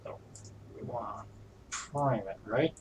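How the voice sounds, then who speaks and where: A man's voice: medium pitch, takes it slowly, noisy background. A man streaming a puzzle game, thinking aloud in a chatty, unsure way as he works things out. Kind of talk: casual let's-play commentary.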